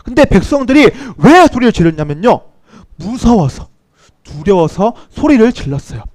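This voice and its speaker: A man giving a children's sermon to preschoolers, asking them questions and acting out shouts and cries. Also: high voice, normal speed, no room sound. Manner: animated, acts out shouts and cries; addresses children as friends, asks questions. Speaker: children's ministry teacher.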